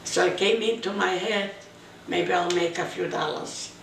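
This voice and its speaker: A woman, reminiscing in halting, broken English in an interview at home. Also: fairly low pitch, fairly even intonation, vocal fry, a bit bright. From Eastern Europe (now Belarus). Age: 90s. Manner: halting, repetitive, broken English, quotes her husband's words. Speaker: interviewee, grandmother recalling her life. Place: home room in Montreal. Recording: roomy, distant camera mic, faint noise.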